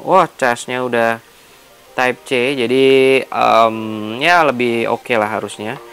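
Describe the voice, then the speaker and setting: A motovlogger and unboxing host with a colloquial Jakarta Indonesian accent chats informally, thinking aloud while he explains and unboxes gear in a casual, unscripted tutorial. His medium-pitched voice is slow, smooth, and a bit bright, with faint music behind him.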